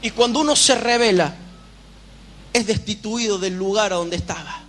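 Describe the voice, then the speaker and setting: Man, fervent sermon, very high pitch, bright tone, rhetorical questions. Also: moderate pace. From Uruguay. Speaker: preacher.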